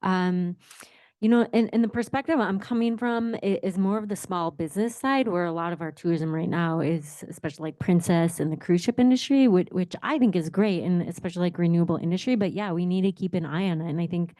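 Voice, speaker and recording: A woman's voice: lowish voice, brisk, mellow, no echo. A woman from Alaska who owns a small business, speaking shyly and hesitantly on a conference panel. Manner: shy, hesitant, many fillers.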